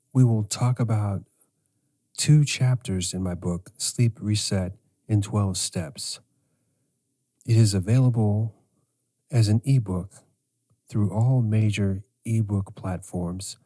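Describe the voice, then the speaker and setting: A middle-aged man hosting a podcast as a sleep coach, speaking in a slow, measured way. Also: on the low side, mellow. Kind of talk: scripted podcast monologue.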